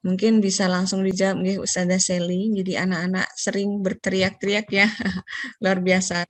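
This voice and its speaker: A woman moderates an online question round in a polite, easygoing way, reading questions aloud with many small hesitations. Her voice is mid-pitched and sounds dry and close, with little room around it. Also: a bit bright, dry recording. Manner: polite, reads out questions, filler-heavy.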